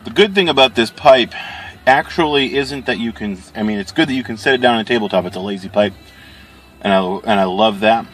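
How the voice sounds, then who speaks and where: Casting: male vlogger, fairly low voice, relaxed rambling review delivery with pauses. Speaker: pipe-smoking video reviewer. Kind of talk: casual chat product review.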